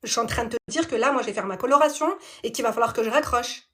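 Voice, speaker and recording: Sassy high-voiced woman ranting. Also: rapid-fire. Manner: animated, sassy street slang. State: annoyed. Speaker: vlogger. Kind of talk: live storytime chat.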